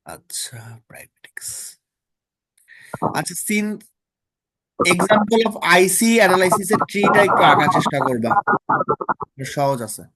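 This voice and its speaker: A man's voice: high-pitched, lively intonation, normal speed, pauses often, bright, forceful tone. A man tutoring students through exam topics in a casual online lesson, often checking in with them.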